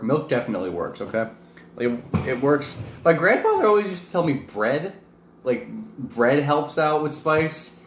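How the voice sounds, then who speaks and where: A man chatting casually and informally to camera as a vlog host, rambling a little and poking fun at himself. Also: mid-range voice. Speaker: vlog host and amateur wrestler. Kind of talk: casual chat to camera while eating hot wings. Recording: roomy echo with faint background noise.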